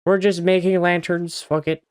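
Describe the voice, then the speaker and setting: A man's voice: sits high, level tone, moderate pace, smooth, no echo, studio quality. A young man from Sweden, chatting casually and swearing often while streaming a game. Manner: swears a lot and laughs at his own jokes. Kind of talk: casual gaming stream chat.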